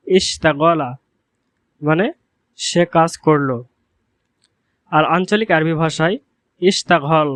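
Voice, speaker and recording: Slow, clear-voiced male language teacher. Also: fairly high pitch, fairly bright tone, no room sound. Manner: slow, repeats each word twice. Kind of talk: scripted language lesson.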